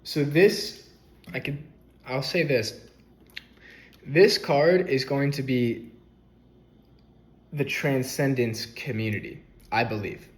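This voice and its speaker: A young man talking casually in a spiritual vlog from a rented house, relaxed and rambling, filling his speech with "like". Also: medium pitch, takes it slowly, pauses often. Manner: relaxed, rambling, heavy use of "like". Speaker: spiritual vlogger.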